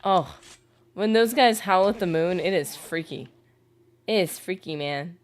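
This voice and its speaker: Woman gaming streamer, slightly low pitch, loose chatty rambling, reads chat aloud. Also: measured pace. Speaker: gaming livestreamer. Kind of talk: casual livestream chat while gaming.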